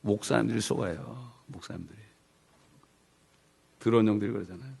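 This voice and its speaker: A man's voice: fairly low pitch, brisk, gravelly, mellow, slightly rough. A middle-aged man preaching a sermon as pastor, emphatic and repeating key phrases in English.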